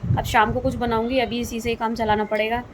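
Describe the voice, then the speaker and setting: A woman's voice: a little high, flat delivery, a little fast. A young woman chatting through her daily routine at home as a family vlogger. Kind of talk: casual home vlog narration. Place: family home, indoors and yard. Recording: phone recording with household noise.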